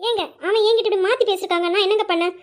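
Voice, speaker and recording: A woman's voice: steady tone, very fast. A woman voicing a quarrelsome, scheming young wife who accuses and threatens in an amateur audio drama. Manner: shrill, accusing.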